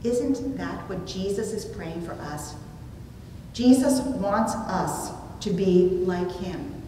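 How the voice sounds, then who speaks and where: Reading from notes at the pulpit of a small church room, a middle-aged female preacher tells stories through her sermon, her phrasing deliberate, measured, and expressive. The recording is distant, heavily reverberant, and rumbly.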